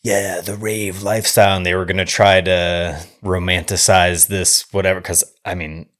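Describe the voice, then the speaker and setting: A man with a low, deep, slightly bright voice chats informally about films as a podcast co-host. His delivery is flat, halting and rambling, and he often trails off mid-thought before starting the next one.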